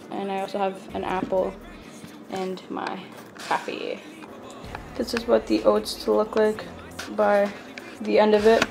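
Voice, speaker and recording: Holding her phone camera at arm's length, a young woman in her twenties, a fitness vlogger, talks to it in a chatty, slightly self-conscious way. Her voice is mid-range, and the background is noisy. The settings include her home rooms, a gym room, and a parked car.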